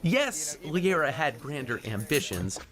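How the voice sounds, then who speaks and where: A man working as a news correspondent, narrating a feature story in a crisp, measured reporter's delivery and putting probing questions to his subject. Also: fairly high pitch, very animated, background noise. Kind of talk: broadcast feature narration and interviewing.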